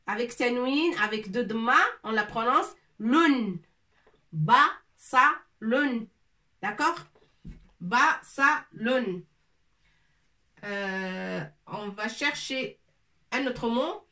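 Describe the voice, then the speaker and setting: A woman's voice: a little high, animated, drawn-out words, long pauses, bright, forceful tone. A woman teaching letters at a board, patiently repeating each sound and checking in often. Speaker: Arabic teacher. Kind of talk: slow whiteboard language lesson. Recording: voice from a distance.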